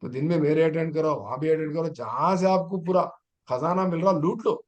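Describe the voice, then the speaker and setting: A man's voice: on the high side, a little fast, lo-fi sound. A middle-aged man, a teacher trainer giving an online exam-prep lecture and urging his students on with rhetorical questions.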